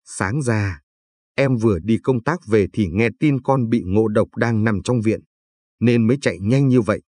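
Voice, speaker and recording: A man voicing an apologetic, soft-spoken young mother in a read-aloud story, with a husky voice. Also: fairly low pitch, moderate pace. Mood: pleading. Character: well-dressed young mother, polite and pleading.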